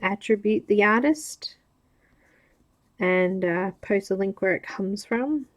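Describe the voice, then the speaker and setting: A woman with an Australian accent and a nasal, mid-range voice chats casually on a livestream while coloring, thinking out loud with pauses.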